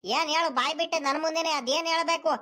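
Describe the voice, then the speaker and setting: A grumpy, scolding village grandfather from a cartoon, acted out by a voice performer, with a squeaky, very high voice. He fires off his complaints at a rapid clip in a bright, sharp tone. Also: fairly even intonation. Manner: rapid scolding rural speech. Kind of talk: animated cartoon voice acting.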